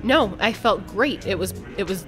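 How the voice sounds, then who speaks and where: A woman's voice: medium pitch, expressive, moderate pace, over music. A woman guest on a podcast, telling a personal story in a candid, blunt way and swearing casually. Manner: candid, blunt, speaks her mind.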